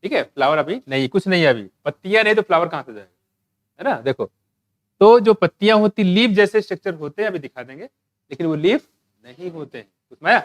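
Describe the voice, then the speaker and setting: A man teaching a biology exam-prep lecture, asking questions and answering them himself, reading English textbook lines slowly. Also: high-pitched, expressive, no room sound, studio quality.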